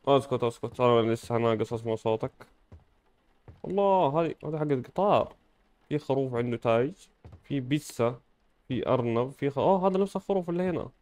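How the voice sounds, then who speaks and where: A man's voice: mid-range voice, animated, fast talker. Joking man commenting on a game. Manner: playful, joking, bursts of loud exclamation. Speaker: gaming channel host. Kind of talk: casual gameplay commentary.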